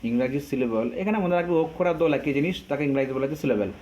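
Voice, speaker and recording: A man teaching an exam-prep grammar lesson, drawing out example words and pausing to hesitate often. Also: fairly high pitch, darkish tone. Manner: slow, drawn out over example words, frequent hesitations.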